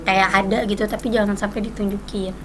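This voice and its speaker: A woman from Bogor, a guest, talking quickly and earnestly in casual chat. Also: medium pitch, level tone, fairly bright tone, slight background noise. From Bogor, Indonesia.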